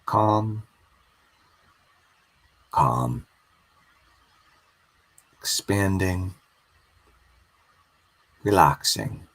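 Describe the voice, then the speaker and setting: A man guiding a slow hypnosis induction, soothing and repetitive. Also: sits low, animated, a bit bright.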